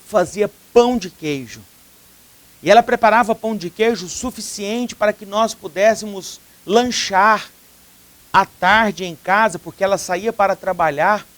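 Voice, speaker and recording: A man with a Brazilian Portuguese accent, a pastor preaching on television, telling a story earnestly and acting out the dialogue of its characters. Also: sits high. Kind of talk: sermon storytelling. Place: TV studio.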